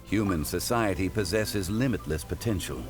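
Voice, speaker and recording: An actor playing a calm, refined, erudite gentleman in a video game, with composed, eloquent and formal speech. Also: low voice, normal speed, over music, lightly acted. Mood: reflective.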